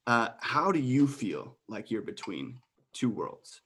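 A man's voice: mid-range voice, sing-song, slow, fairly bright tone, slightly rough. A man hosting a podcast, asking curious questions in casual interview chat with short encouraging hmms. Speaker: podcast host.

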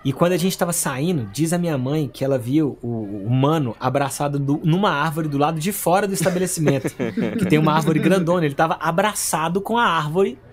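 A man's voice: a little high, a little fast, a crowd in the background. Brazilian man telling a comic story. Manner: animated, acts out quotes, laughs often. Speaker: podcast guest telling a story.

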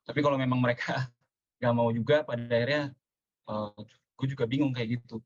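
A man's voice: medium pitch, steady tone, a little fast. A young man, a panel guest, speaking in casual chat, hesitant and repeating himself. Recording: dull lo-fi sound.

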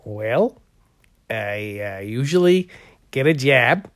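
A good-natured, heavyset painter, played by a man, who drawls and fills every pause with "uh". His voice swings widely up and down as he rambles on. The sound is dry and close. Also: mid-range voice, expressive, fairly bright tone, no echo. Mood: goofy. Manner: drawling, rambling, full of "uh" and "there". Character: folksy heavyset male portrait painter, goofy. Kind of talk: improvised comedy interview.

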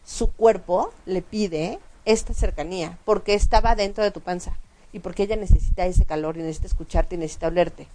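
A woman, co-hosting a casual chat show and explaining points at length with frequent restarts. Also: lowish voice. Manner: animated, explanatory, many restarts and fillers. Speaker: co-host.

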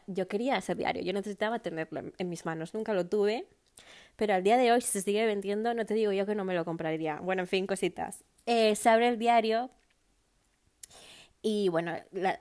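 A young woman hosting a podcast, talking in a casual, animated, slangy monologue and mixing in English phrases. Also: mid-range voice. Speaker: podcast host.

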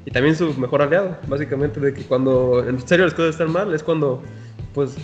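A young man with a Guadalajara Mexican accent co-hosts a podcast, his voice a little high and fairly quick. He chats casually in slangy, profane language and laughs often as he talks. The recording is muffled, with faint music in the background.

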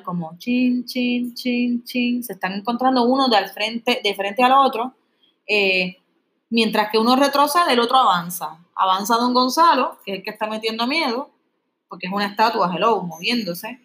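A woman lecturing on a classic play in a relaxed, chatty way. She retells scenes loosely, drops in slang and a few English words, and has a medium-pitched voice. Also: poor audio. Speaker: literature teacher.

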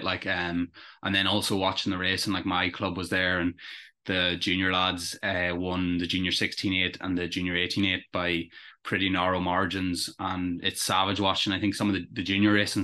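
A man's voice: low-pitched, bright, forceful tone. A young man with an Irish accent chatting casually and keenly as a rower being interviewed. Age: young adult. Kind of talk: casual chat.

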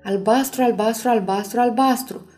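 A woman's voice: a little high, darkish tone, soft background music, close to an everyday voice. A woman reading a storybook, voicing a moonstruck madwoman who chants in a singsong way while searching for her daughter. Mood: chanting.

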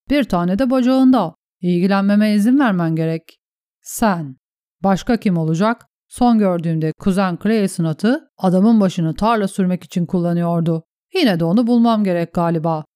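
A woman's voice: mid-range voice, mellow, dry recording, close to an everyday voice. A woman voicing a cynical noble male knight with a dry, mocking way of talking, reading in an audiobook.

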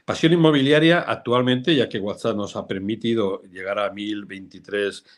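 Older man, low-voiced, animated anecdote teller in a live interview. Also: normal speed. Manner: animated storyteller, acts out quoted voices. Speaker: real estate professional, guest. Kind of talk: casual live interview chat.

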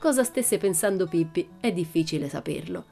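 A woman narrating a children's audiobook in a calm, measured, gently expressive manner. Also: fairly low pitch, vocal fry, soft background music. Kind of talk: storybook narration.

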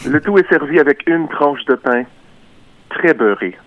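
A man playing a deadpan pompous food critic. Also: on the high side, unhurried, phone-quality sound. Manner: mock-serious, deadpan reviewing. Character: self-styled male culinary expert, pompous and deadpan. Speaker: caller.

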